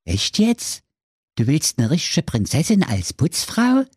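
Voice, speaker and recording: A man voicing a dry, mocking raspberry-brandy genie in a comic fairy tale read aloud. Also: on the high side, wildly swooping pitch, measured pace, a little mellow, dry recording, voice pushed up, heavily acted. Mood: sardonic. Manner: dry, mocking, calls his master a dolt.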